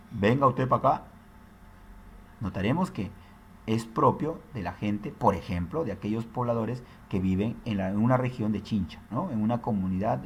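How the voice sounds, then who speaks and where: A man's voice: on the low side, darkish tone, dull audio, a little hiss or hum. A man teaching a recorded language lesson, explaining step by step and often tagging his sentences with questions. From Peru. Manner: explanatory, frequent tag questions.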